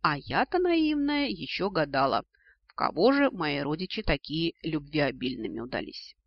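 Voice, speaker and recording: Male audiobook narrator, expressive and ironic, dry lo-fi recording. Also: fairly high pitch, moderate pace, no room sound. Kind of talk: scripted narration.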